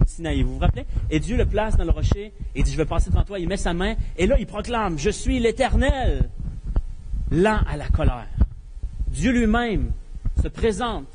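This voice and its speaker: A man's voice: high voice, noisy background. A man preaching a sermon, emphatic, with rhetorical questions and repeated key phrases. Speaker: pastor. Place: church. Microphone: live-streamed church recording.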